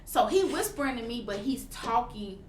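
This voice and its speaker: A woman's voice: a little high, normal speed. A woman co-hosting a casual podcast, telling stories and teasing her partner. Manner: animated storytelling, teasing. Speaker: podcast co-host. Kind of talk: casual chat. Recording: roomy, distant mic, faint hiss.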